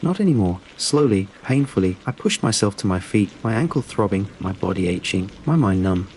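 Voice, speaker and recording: A man reading a scripted horror story in a steady, measured storytelling delivery. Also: on the low side, slight background noise, low-quality recording. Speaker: narrator.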